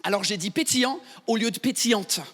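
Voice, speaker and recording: A man with an English-speaking accent doing stand-up, telling a story with animated exasperation. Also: extremely high pitch, fairly quick. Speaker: stand-up comedian. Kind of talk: stand-up routine. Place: large concert hall. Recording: hall reverb from a live stage.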